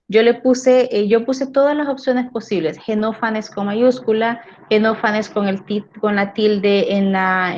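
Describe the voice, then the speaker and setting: A woman's voice: fairly high pitch, a little mellow. Woman teacher on a dull lo-fi recording. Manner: frequent tag questions, repeats words while thinking. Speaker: philosophy teacher. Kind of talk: class lecture.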